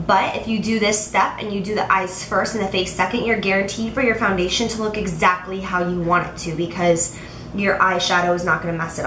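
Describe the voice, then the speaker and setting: A woman talks viewers through a routine in a casual, chatty way. Her voice is bright and noticeably nasal, as if congested. She is emphatic and direct. The room adds a clear echo, with faint noise behind her. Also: medium pitch. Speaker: makeup tutorial host. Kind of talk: casual tutorial chat to camera.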